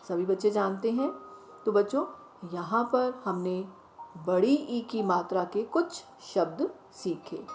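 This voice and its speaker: A woman teacher leading a children's phonics lesson, speaking directly to the children and drawing each word out slowly as she repeats it. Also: medium pitch, darkish tone. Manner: slow, drawn-out word repetition. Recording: roomy echo, faint music behind.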